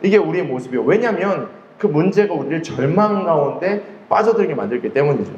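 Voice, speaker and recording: In an echoey church hall with faint ambience, a male pastor delivers a conversational sermon, frequently putting questions to the congregation. His voice is fairly high with a darkish tone and lively intonation, and he speaks briskly; the recording is muffled, with a little hiss or hum.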